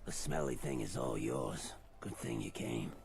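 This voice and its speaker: An actor playing a theatrical ghoul man in a video game, with a raspy voice and a grandiose way of talking. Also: very deep voice, huge pitch swings, unhurried, darkish tone, exaggerated voice. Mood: resigned, wistful. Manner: grandiose and theatrical, dropping into weary plain talk. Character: theatrical ghoul man posing as pompous alien interloper-hunter. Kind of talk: video game character dialogue.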